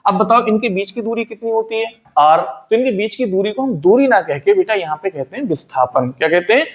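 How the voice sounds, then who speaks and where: A man's voice: high-pitched, lively intonation, fairly quick, highs cut off. A man teaching physics in a classroom style, asking a question and then answering it himself, repeating key terms and calling his students "beta". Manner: calls students "beta" fondly. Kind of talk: classroom lecture at a whiteboard.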